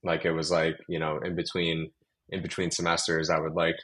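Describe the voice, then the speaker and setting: Interview guest: young man from New York, low and level delivery, chatty and meandering. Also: monotone, a little fast, fairly bright tone, rough recording. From Long Island, New York. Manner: rambling, many fillers and restarts. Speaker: guest, real estate developer. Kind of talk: casual interview storytelling.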